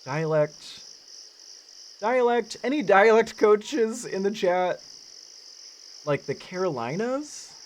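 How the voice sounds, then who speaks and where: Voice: medium pitch, sing-song, slow pace, long pauses, slight background noise. A streamer giving casual live commentary on a cozy game, playful and goofy, chatting to viewers. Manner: playful, goofy, talks to chat.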